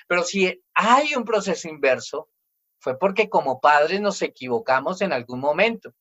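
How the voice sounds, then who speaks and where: A man's voice: high voice, a bit bright, dull audio. A man in his forties preaching a family sermon as pastor, emphatic, and he acts out children's complaints in quoted voices.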